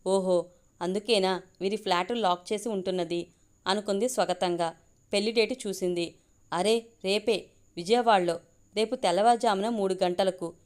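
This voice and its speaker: A woman telling a story aloud in an even, steady way. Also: mid-range voice, normal speed.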